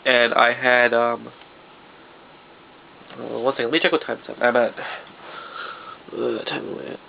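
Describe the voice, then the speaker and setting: In a casual vlog monologue, a young man with a blocked nose speaks unhurriedly in a creaky, mid-range voice with a level tone. He often begins his sentences again. Faint hiss runs through the dull, lo-fi home video.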